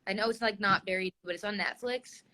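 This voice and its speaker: A woman's voice: mid-range voice, fairly quick, bright, forceful tone. Giggly young woman on a livestream. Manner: effusive, giggly, lots of "like". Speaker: guest singer. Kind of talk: casual livestream chat.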